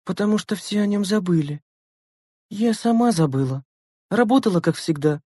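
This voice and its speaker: A man reading an audiobook, voicing a tearful, anxious young teenage girl in a high, strained voice. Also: animated, moderate pace, dark tone, no room sound, clean studio sound. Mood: wistful.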